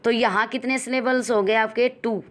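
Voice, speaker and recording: A woman's voice: on the high side, steady tone, moderate pace. A young woman teacher with an Indian English accent explaining an English textbook exercise, drilling the class with repeated questions and calling her students beta.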